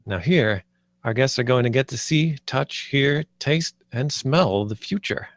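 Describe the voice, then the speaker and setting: In a screenplay table read, a man takes the role of Marty, an idealistic, earnest theme park planner with a nervous but visionary streak. His medium-pitched voice is expressive and enthusiastic, a little hesitant, at a measured pace, with no room sound.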